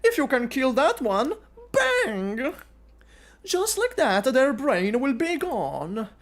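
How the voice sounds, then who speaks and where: A woman voicing a scheming female mercenary, in a high, sing-song, taunting way while reading a game story aloud. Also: big pitch swings, slow, full character voice.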